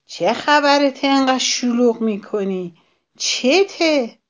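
A woman's voice: fairly low pitch, lightly acted. A woman voicing an irritable, sly male fox in a children's storybook, talking in a snappish, mocking way.

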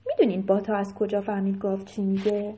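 A woman telling a story to children in an animated way, often turning to ask them questions. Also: medium pitch, slight background noise.

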